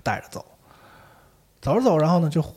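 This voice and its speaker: A man hosting a podcast, telling a ghost story in a casual, animated way and acting out the characters. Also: on the high side, brisk, husky.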